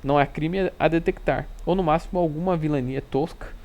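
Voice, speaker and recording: A man's voice: on the high side, brisk, darkish tone, natural voice. A man reading the lines of an arrogant male detective in a dry, scornful manner.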